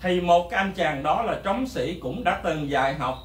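Blunt high-voiced drum teacher. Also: male voice, lively intonation, moderate pace, a little hiss or hum. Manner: blunt, rambling lecture, counting beats aloud. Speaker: music teacher. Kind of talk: drum lesson, talking to camera. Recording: echoey room, mic at a distance. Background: faint drums and music.

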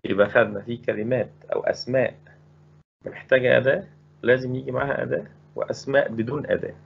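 In this recorded Spanish grammar lesson, a man with an Egyptian Arabic accent explains things step by step, repeating words and asking rhetorical questions. He speaks fast at a medium pitch with fairly even intonation, vocal fry and a husky quality, and the audio is dull.

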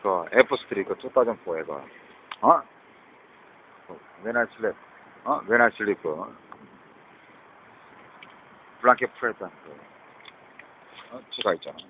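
Talking slowly to his viewers with lots of pauses, this man has a fairly low voice and lively intonation. His monologue wanders, mixing English words into Korean and repeatedly tossing out "eh?". The recording is thin and phone-like, with slight noise.

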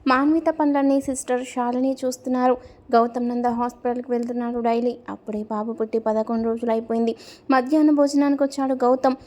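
A woman reads a serialized domestic story aloud in an even, scripted way. Her voice sits a little higher than most, and she gives every character's lines the same plain delivery. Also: quick pace. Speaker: story narrator.

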